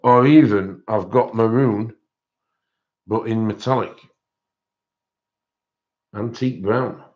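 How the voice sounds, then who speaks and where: Low-voiced man, dull lo-fi sound. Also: takes it slowly, a little mellow. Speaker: livestream host. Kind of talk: casual chat with livestream viewers.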